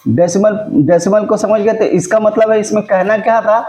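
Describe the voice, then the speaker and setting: A man's voice: sits high, steady tone, normal speed, darkish tone. A man teaching a maths lesson, often checking that his students follow along. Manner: mixes Hindi with English terms. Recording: echoey room.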